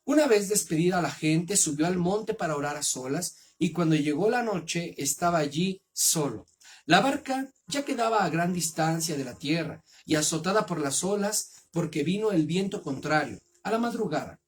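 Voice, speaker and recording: Husky-voiced Mexican preacher. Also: male voice, fairly high pitch, animated, moderate pace. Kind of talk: Bible reading and sermon.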